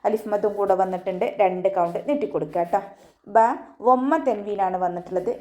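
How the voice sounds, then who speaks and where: A woman teaching Quran recitation online, explaining each rule patiently step by step and then chanting the verse words slowly. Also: mid-range voice. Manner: patient step-by-step explanation, often ending with a soft "tto". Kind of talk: online tajweed lesson.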